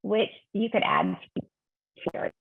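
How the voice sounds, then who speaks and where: A woman presenting a software demo in a webinar, with frequent fillers, heard over garbled audio that keeps breaking up. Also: no echo. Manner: chatty, halting with fillers. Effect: garbled, breaking-up call audio. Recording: tinny breaking-up call line.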